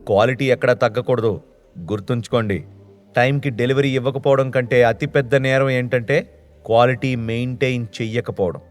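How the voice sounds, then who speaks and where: A man's voice: medium pitch, fairly quick, faint music behind, natural voice. A man voicing a young male company owner who gives firm orders but stammers when nervous.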